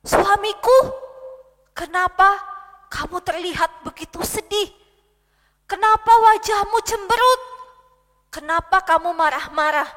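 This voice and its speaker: A scheming queen coaxes and commands her husband in a very high, sharp voice, put on by a woman. She speaks slowly and deliberately, and a long hall echo trails her words. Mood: coaxing. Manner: coaxing and commanding. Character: scheming coaxing queen, wife of the king.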